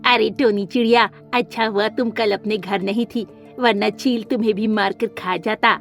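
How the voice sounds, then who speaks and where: A woman's voice: mid-range voice, steady tone, normal speed, soft background music, lightly acted. A woman voicing a friendly female neighbour bird in a cartoon, speaking plainly and sympathetically. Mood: relieved.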